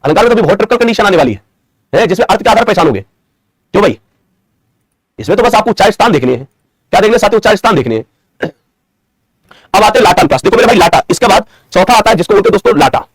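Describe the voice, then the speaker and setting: Fast-talking, husky-voiced male Hindi teacher. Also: high-pitched, expressive, no room sound. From India. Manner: repetitive, drills questions and answers to students; affectionate teacher's address to students. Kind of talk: online Hindi grammar class.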